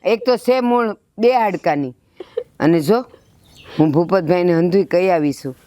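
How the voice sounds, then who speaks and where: A woman's voice: lowish voice, moderate pace, mellow, dry recording, close to an everyday voice. A woman plays an older village mother in a village family drama, soothing and pleading with her children. Her voice is recorded dry and close.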